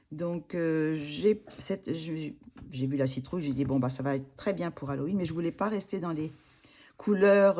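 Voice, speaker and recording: Low, mellow-voiced woman, hesitant chat. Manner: hesitant, many fillers and self-corrections. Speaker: coloring hobby vlogger. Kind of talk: casual show-and-tell of finished coloring pages.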